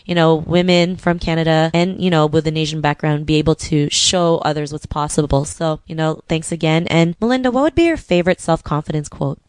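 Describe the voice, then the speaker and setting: Friendly and casual, a female podcast host leans heavily on "you know" fillers as she interviews her guest. She has a deep, brisk voice with few pauses that sounds smooth and a little mellow. There is no room sound.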